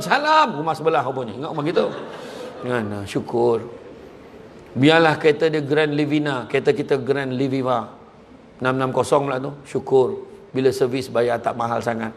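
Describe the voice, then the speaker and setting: A man's voice: medium pitch, creaky, a little hiss or hum. A man giving a comic motivational talk to an audience in a large hall, joking and acting out characters. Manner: joking, animated, acts out characters. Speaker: motivational speaker.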